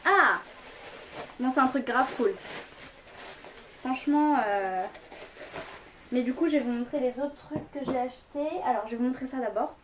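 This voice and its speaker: A woman's voice: high-pitched, normal speed, pauses often, slight background noise. A young woman talking casually at home, rambling through a haul video with lots of fillers. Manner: chatty, rambling, many fillers. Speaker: vlogger.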